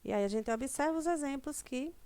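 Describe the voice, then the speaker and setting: A woman teaching a Portuguese grammar lesson, speaking slowly and checking in often with her students. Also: high voice, expressive, mellow. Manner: slow didactic, stretches example words, frequent "certo?" checks.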